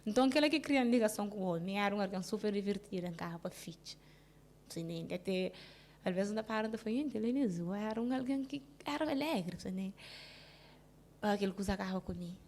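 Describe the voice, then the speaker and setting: A woman with a Cape Verdean Creole accent telling a personal story in an interview, halting and restarting, often asking if the listener understands, subdued with sudden bursts of emphasis. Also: mid-range voice, darkish tone, slight background noise. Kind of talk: personal account in a casual interview.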